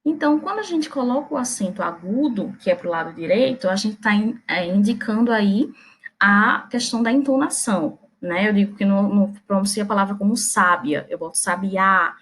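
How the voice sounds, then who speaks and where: A woman's voice: medium pitch, expressive, a little fast. A Brazilian woman teaching Portuguese grammar in a recorded lesson, explaining step by step, checking in with her students and making small playful jokes. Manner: chatty and playful, makes small jokes and slips.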